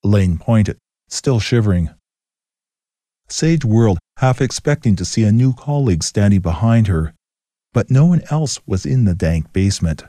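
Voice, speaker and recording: A man giving a scripted, steady story narration. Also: fairly low pitch, normal speed, no room sound, studio quality.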